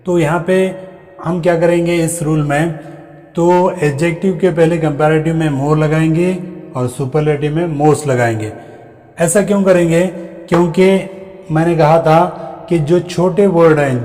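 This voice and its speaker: A man's voice: a little high, warm tone, long reverb tail, poor audio. A man teaching a grammar lesson, patiently asking and answering his own questions and spelling out word forms one by one.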